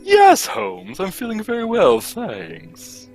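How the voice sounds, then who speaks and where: An actor performs a genial older gentleman doctor in an old-time radio play. The delivery leaps dramatically up and down, full of exclamations and hearty storytelling. Light music sits behind the voice. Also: medium pitch, huge pitch swings, slow pace. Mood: eager, friendly.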